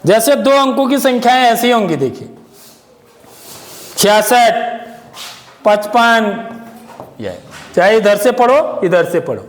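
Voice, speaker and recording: Male maths teacher with a very high voice, keeps checking with the class, long room reverb. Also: big pitch swings, slow pace, pauses often. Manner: keeps checking understanding with questions. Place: classroom with pupils answering.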